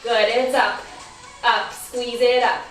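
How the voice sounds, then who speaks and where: A woman with a high voice and an unhurried pace cues a barre class, counting reps and urging listeners on. Her voice sounds a little worn. She is heard from off the mic in a roomy space, with faint music behind. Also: little pitch movement, a bit bright, far from the mic. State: losing her voice. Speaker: barre instructor. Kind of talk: workout class cueing.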